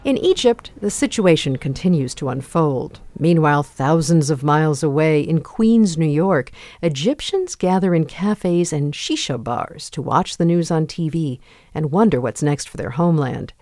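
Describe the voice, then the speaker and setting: A woman hosting a radio news show with polished, clear delivery. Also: low-pitched, lively intonation, moderate pace, darkish tone, dry recording, studio quality. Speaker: show host.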